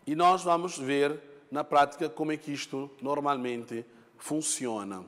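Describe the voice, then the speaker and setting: A man's voice: fairly high pitch, unhurried, fairly bright tone, big-room sound. A male teacher giving a lesson, explaining patiently, repeating points, and checking in with his students. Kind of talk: classroom lesson.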